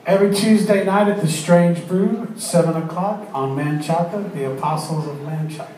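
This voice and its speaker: A man's voice: high voice, moderate pace, darkish tone. Man, very echoey and distant. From Corpus Christi, Texas. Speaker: musician guest.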